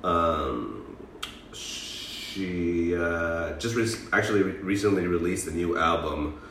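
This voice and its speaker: A man's voice: sits low, slow, fairly bright tone, roomy sound, far from the mic, a little hiss or hum. A man co-hosting a casual music chat, introducing songs with many hesitations and fillers. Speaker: co-host presenting songs.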